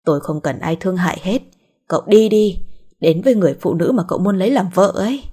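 A woman's voice: mid-range voice, lively intonation, quick pace, warm tone, slightly rough. A woman voicing a bitter middle-aged mother who talks coldly and reproachfully. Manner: cold, reproachful.

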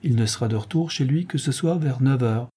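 A man's voice: medium pitch, a little fast, dark tone, slightly rough, lightly acted. A man reading aloud voices a wily, obsequious house steward who pleads humbly. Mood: pleading.

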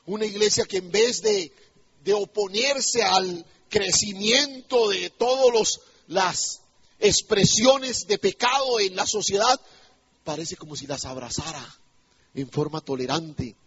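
A man's voice: high voice, takes it slowly, a bit bright, husky, lo-fi sound. A male pastor preaching an emphatic sermon in a church, putting rhetorical questions to the congregation.

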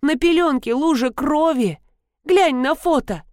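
A woman's voice: high-pitched, measured pace, no room sound, clean studio sound, voice pushed up. A woman voicing a panicky, tearful woman housekeeper, talking frantically. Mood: anxious.

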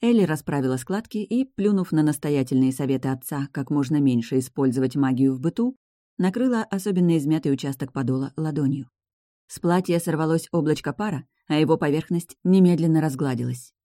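A woman narrating a storybook chapter aloud, with expressive storytelling. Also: low voice, a little fast, no room sound, clean studio sound. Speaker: audiobook narrator. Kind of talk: scripted narration.

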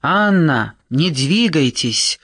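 A man voicing a calm, commanding male expedition guide in an audiobook thriller, giving steady, urgent instructions. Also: on the high side, a little slow, no echo, studio quality.

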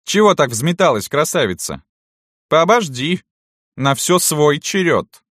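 A man's voice: medium pitch, very animated, measured pace, no room sound, studio quality, voice pushed up. A man voicing a cruel, mocking middle-aged noblewoman landowner who taunts her serfs in a sneering sing-song.

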